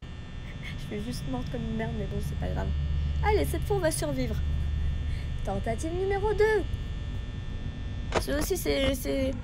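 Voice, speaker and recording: A woman's voice: high-pitched, sing-song, unhurried, gravelly, long pauses, noisy background. A young woman who has a cold, chatting and joking her way through a horror game, teasing its characters as she plays. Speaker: gaming video host. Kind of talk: casual gameplay commentary. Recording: music playing in the background.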